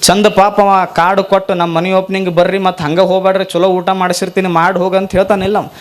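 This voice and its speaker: A man's voice: sits high, level tone, fast. A man, a monk, preaching a sermon with a North Karnataka accent, telling stories with acted dialogue and chanting verses. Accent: North Karnataka Kannada.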